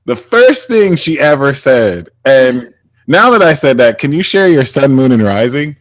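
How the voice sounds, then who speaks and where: A man's voice: medium pitch, very animated, measured pace, no echo. A man hosting a casual spiritual conversation, rambling with many fillers and restarts. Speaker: podcast host.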